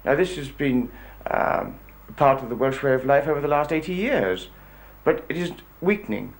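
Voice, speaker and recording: A man's voice: fairly high pitch, animated, moderate pace. A man making a persuasive case as a campaigner, in emphatic phrases with repeated patterns. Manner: emphatic, repetitive list-like phrasing. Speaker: campaign leader. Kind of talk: persuasive interview statement.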